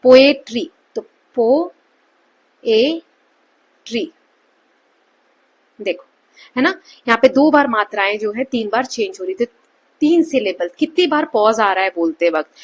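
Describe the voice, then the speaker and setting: A woman explaining a textbook lesson as a teacher, with an Indian accent. She goes slowly line by line and keeps checking in with her students. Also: a little high, breathy edge. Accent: Indian English.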